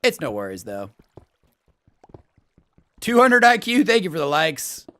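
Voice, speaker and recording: A man streams a game live, chatting casually, reading chat aloud and thanking viewers for follows and subs, with bursts of excited laughter. His voice sits high and he talks a little slowly. There's no room sound.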